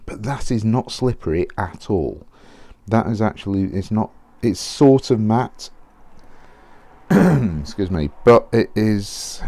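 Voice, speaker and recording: Unboxing a product, a fountain pen reviewer chats casually in a very deep, mellow voice, wandering off topic and correcting himself. He's losing his voice, so he sounds a bit hoarse and clears his throat often. No room sound can be heard.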